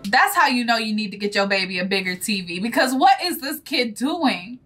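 High, lively American woman reacting to clips. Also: a little fast, soft background music. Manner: expressive, blunt, exclamatory. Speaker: host reacting to meme clips. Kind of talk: casual reaction commentary.

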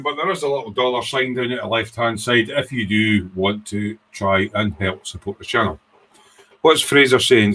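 A medium-pitched voice, pushed and bright, belongs to a Scottish hobbyist in his sixties. He hosts a rambling livestream chat in an informal way from his small home workshop.

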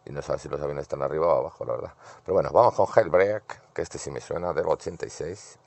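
Male streamer, very low gravelly voice, mutters to himself through retro arcade play. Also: quick pace, a little mellow, dry recording. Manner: muttering, talks to himself while playing. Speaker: gaming streamer. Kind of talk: casual gameplay commentary.

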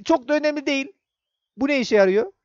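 High-pitched young man narrating gameplay. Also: expressive, fast talker, no room sound, lo-fi sound. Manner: chatty, talks to the game character and viewers. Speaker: gaming YouTuber. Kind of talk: casual gameplay commentary.

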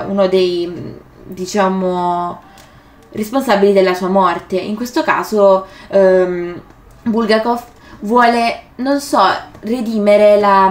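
A woman reading passages from a novel aloud and commenting on them casually, with hesitations and self-corrections. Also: mid-range voice. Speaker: book vlogger. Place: room indoors. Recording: roomy echo.

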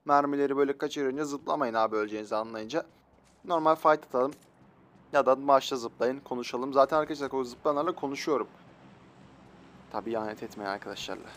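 A young man giving playful, slangy commentary while playing a shooter game, teasing his opponents. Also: a little high. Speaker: gaming YouTuber.

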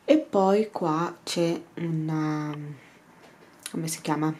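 A woman in her thirties giving a casual, chatty tour of her daughter's bedroom, filling pauses with hesitations. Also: low voice, darkish tone, slight background noise. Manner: chatty, hesitant with many fillers. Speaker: home cleaning vlogger. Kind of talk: casual room tour narration. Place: child's bedroom at home.

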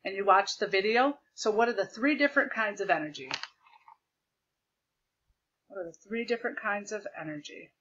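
This woman teacher gives a remote classroom lesson from a home desk with a document camera, projecting loudly and repeating key points as she goes step by step. She has a husky medium-pitched voice, a moderate pace, and long pauses. Her computer mic on the video call loses the highs.

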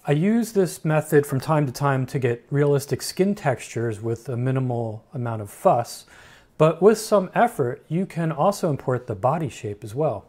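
A man hosting a software tutorial, explaining each step frankly with dry humor. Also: mid-range voice, lively intonation, normal speed. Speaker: tutorial host. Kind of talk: screen-recorded software tutorial.

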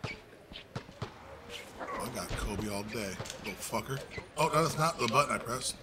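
A man co-hosting a gaming video, chatting casually and yelling and swearing at the game. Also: medium pitch, normal speed, noisy background. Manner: excitable, swears and yells at the game. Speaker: co-host of a gaming channel. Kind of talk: casual gameplay chat.

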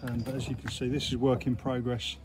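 A middle-aged construction site manager gives a practical guided walk-through of a building site, filmed outdoors on a handheld phone camera. His medium-pitched voice moves little in pitch and runs a bit fast as he explains things, often saying "obviously." Loud site noise and passing vehicles fill the background.

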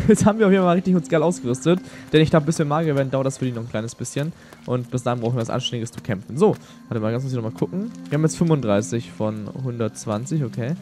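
A young man giving casual gameplay commentary, thinking aloud in a slangy, rambling way. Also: medium pitch. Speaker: let's player. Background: game music.

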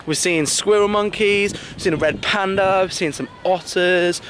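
A young British man vlogging casually to a handheld camera and chatting with companions, excitable and given to exclaiming. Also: high voice, normal speed. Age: young adult. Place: on the move, mostly outdoors at a zoo. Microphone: handheld camera at arm's length. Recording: handheld camera vlog with clear background noise.

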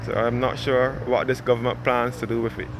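A man's voice: medium pitch, level tone, fairly quick. A man from Barbados giving a loose, conversational walking-tour narration outdoors as a travel vlogger, talking to his viewers as guys. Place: outdoors on a rural roadside. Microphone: handheld camera mic, speaker off screen. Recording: loud outdoor noise and passing traffic. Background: passing cars and outdoor ambience.

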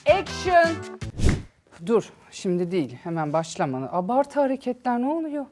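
A woman's voice: medium pitch, sing-song, a little fast, over music. A woman hosting a comedy sketch as a playful, bossy acting coach.

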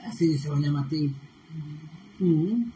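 A woman's voice: sits low, animated, unhurried. A woman hosting a casual livestream, reading viewer comments and chatting with a laugh in her voice. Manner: chatty, laughing often, gossipy. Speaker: livestream host. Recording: echoey room with faint noise.

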